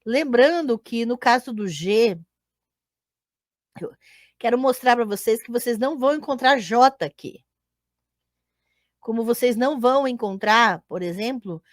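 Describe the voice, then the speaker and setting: Slow, deliberate woman lecturing. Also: a little high, dry recording, clean studio sound. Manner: explanatory, with frequent checking tags and self-corrections. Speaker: teacher and podcast host. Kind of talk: live online lecture to viewers.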